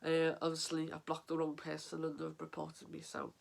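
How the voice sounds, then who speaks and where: Stuffed up and sniffing from a head cold, an English vlogger speaks casually to camera about mental health. His fairly high voice carries vocal fry and a completely flat delivery, and he comes across earnest yet halting, restarting often and filling gaps.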